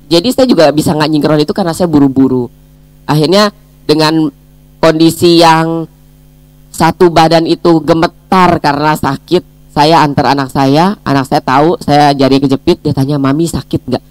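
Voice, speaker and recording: A woman's voice: sits low, no echo. A woman leading a daily devotional, praying earnestly and then telling a personal testimony to her listeners. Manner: storytelling, addresses listeners as brothers and sisters; prays in a gentle, earnest tone. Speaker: devotional speaker.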